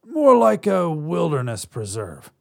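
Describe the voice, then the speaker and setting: A man voicing an impatient, fast-talking male alien who explains a rescue in a brisk, salesman-like way. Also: a little high, huge pitch swings, vocal fry, pitched above the performer's own voice, full character voice. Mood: brisk, explaining.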